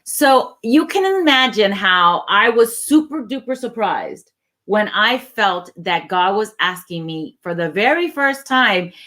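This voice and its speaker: A woman co-hosting a faith talk, telling a personal story in a relaxed conversational way and acting out the lines of the people in it. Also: medium pitch, measured pace. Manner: earnest, acts out quoted dialogue, laughs easily. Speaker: co-host sharing her testimony.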